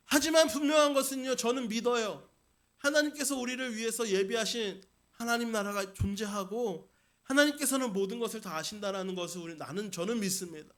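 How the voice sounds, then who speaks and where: A senior pastor preaches a Sunday sermon at a church service in a high, somewhat bright voice. He puts questions to the congregation and repeats key points for emphasis.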